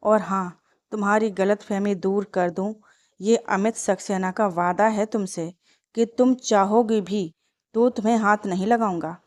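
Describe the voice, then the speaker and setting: A woman's voice: mid-range voice, fairly even intonation, a little slow, darkish tone, close to an everyday voice. A woman voicing a young man who is an angry, protective husband and uncle in a storybook tale. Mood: stern, angry.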